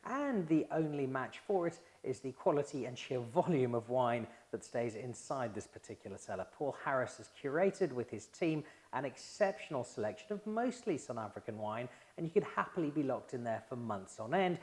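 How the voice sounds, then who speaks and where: A man's voice: medium pitch, lively intonation, moderate pace, few pauses, a little mellow. A man hosting a wine show, presenting and interviewing in a chatty, joking way. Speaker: host.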